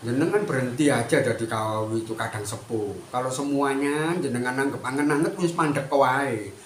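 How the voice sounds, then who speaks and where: A man talks through spiritual teachings in a lively, conversational way, with a mid-range voice. The recording is echoey, with faint background noise. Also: mid-range voice, normal speed. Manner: animated, mixes Indonesian and Javanese, chatty asides. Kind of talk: spiritual talk, addressing listeners.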